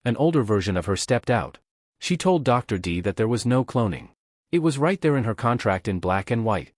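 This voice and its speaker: A man's voice: mid-range voice, moderate pace, dry recording, clean studio sound. A man reading a fan story aloud, voicing every character in much the same plain narrating voice. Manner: reads every character in one even narrating voice. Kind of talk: fanfiction read-aloud.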